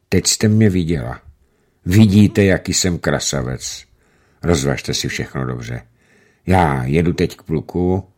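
Male audiobook narrator, low register, measured and steady delivery. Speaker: narrator reading a novel. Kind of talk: audiobook reading of a letter and narration.

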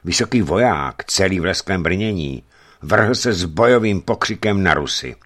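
A man with a very deep voice reads a historical adventure as scripted narration. His delivery is expressive, and his pitch rises and falls widely. He tells the story at an even, measured pace. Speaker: audiobook narrator.

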